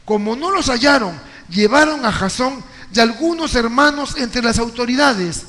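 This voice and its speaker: Male pastor with a high voice, preaching in a lively storytelling way, recorded live in a hall with long reverb. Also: moderate pace. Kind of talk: sermon. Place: church hall.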